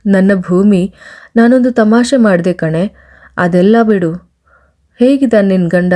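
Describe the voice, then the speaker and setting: A man's voice: high-pitched, unhurried, warm tone. A woman voicing a bitter young man who teases and taunts his former love on a phone call, in a sarcastic way. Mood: teasing. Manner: teasing, sarcastic.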